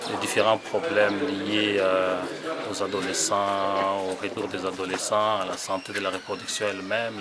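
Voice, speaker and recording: A middle-aged man from Congo working in humanitarian aid, answering interview questions outdoors with many hesitant fillers. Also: low-pitched. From Democratic Republic of the Congo. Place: outdoors beside a brick building.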